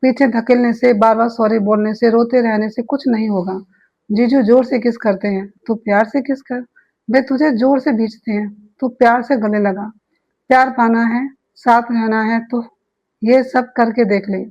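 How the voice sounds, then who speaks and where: A woman's voice: a little high, fairly even intonation, normal speed, darkish tone, muffled recording. A woman voicing a bold, teasing young woman who coaxes her friend in a read-aloud story. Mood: coaxing. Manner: teasing, coaxing.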